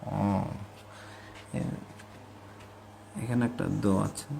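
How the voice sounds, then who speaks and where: A man teaching the careful pronunciation of verses, breaking words into syllables and chanting them slowly. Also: dark tone, slight background noise. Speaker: Sanskrit recitation teacher. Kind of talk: recitation lesson.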